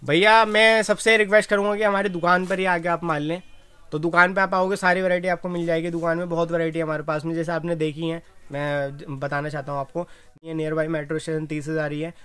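Fast-talking young shopkeeper, monotone patter. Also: male voice, fairly high pitch, clean tone, no echo. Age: young adult. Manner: rapid salesman patter, rattles off prices; repeats "haan ji" agreement. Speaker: wholesale shop owner. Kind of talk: product walkthrough. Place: cramped indoor bag shop.

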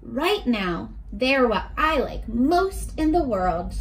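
A woman in her 20s reads a picture book aloud to small children like a primary teacher, asking them simple questions along the way from a small, furnished bedroom. Her high, gravelly voice is sing-song, slow and expressively swinging in pitch, with a little hiss or hum in the recording.

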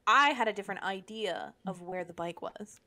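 A woman co-hosting a podcast in casual chat, blunt and animated, swearing and joking freely. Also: mid-range voice, moderate pace. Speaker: podcast co-host.

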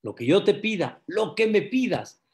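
A man voicing God as a voice from heaven, firm and insistent in his commands, pitched above his own voice. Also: big pitch swings, normal speed, a little mellow. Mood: calm firm.

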